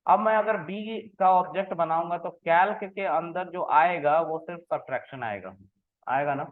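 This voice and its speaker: A man teaching programming in a relaxed way, explaining code step by step and often checking that the listener follows. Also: a little high, normal speed. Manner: conversational, keeps checking in with the listener. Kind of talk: explaining code while typing. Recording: tinny phone-like sound.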